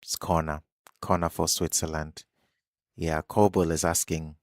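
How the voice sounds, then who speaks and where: A man with a very low voice hosts a live football watch-along stream. He chats at an easy, relaxed pace, musing aloud and reacting to the match as it happens. His voice sounds dry and close, with no room around it. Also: unhurried, no echo. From Kenya.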